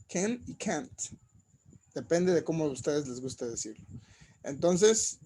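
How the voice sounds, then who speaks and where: A man teaching an English lesson, saying each phrase in English and then in Spanish, and slowing down to model pronunciation. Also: a little high, dark tone. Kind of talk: bilingual classroom lesson.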